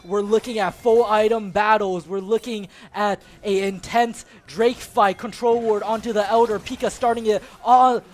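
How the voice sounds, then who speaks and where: A young man doing color commentary on a college esports final. His voice is hoarse from shouting, and his hype bursts give way to halting thank-yous. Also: sits high, steady tone.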